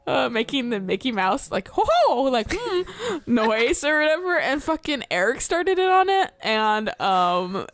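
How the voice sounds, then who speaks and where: A woman's voice: a little high, sing-song, unhurried, few pauses, fairly bright tone, dry recording. A woman co-hosting a gameplay video, telling a long funny story with lots of laughing and swearing. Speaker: gameplay co-host. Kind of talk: casual gameplay chat and storytelling.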